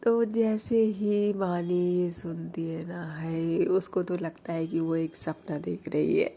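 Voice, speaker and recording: A woman's voice: fairly low pitch, gravelly, warm tone. A woman storyteller narrating a romance in a chatty, conversational way. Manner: chatty, conversational retelling with fillers.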